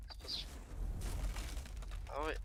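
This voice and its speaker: A young man giving casual gameplay commentary, excitable and breaking into sudden loud outbursts and cursing. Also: slow pace, background noise. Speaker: gaming video creator.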